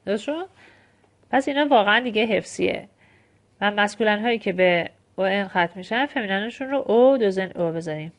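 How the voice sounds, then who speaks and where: A woman whose first language is Persian teaches French grammar in an online lesson, explaining step by step and reading French examples slowly and deliberately. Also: mid-range voice.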